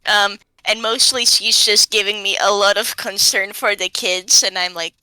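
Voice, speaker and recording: A woman's voice: medium pitch, fairly even intonation, moderate pace, sharp tone, clear, resonant tone, no room sound, rough recording. A woman playing a tabletop game, casually talking through what her character does. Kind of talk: casual chat, describing her character's actions.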